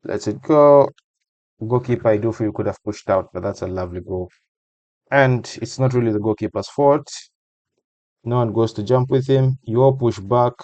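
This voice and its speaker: A man's voice: medium pitch, moderate pace, a little mellow, no echo, highs cut off. A man giving a casual voice-over breakdown of a football match, talking conversationally and repeating phrases for emphasis.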